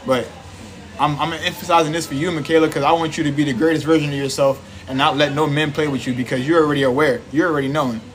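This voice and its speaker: A man's voice: fairly high pitch, steady tone, fast, a little hiss or hum. A man giving a casual, preachy livestream monologue, repeating himself and laughing often. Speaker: livestream host. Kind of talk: casual live-stream monologue.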